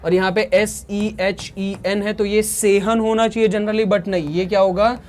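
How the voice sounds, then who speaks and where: A man's voice: sits high, little pitch movement, slight background noise. A man from India teaching a beginner language lesson, explaining patiently and often checking whether students have understood. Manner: slow, drilling words by repetition. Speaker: German teacher.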